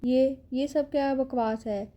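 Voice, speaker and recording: A woman reading the part of a frightened but defiant young woman held captive, pleading and sharp-tongued. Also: high voice, steady tone, close to an everyday voice. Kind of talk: audiobook character reading.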